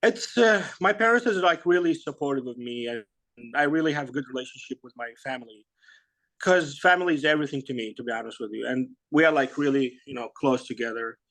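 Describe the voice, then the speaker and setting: A man, answering interview questions in a halting, casual way with many fillers and soft laughs. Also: mid-range voice. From Iraq. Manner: halting, lots of "you know" and "like", laughs softly. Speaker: guest, bodybuilder.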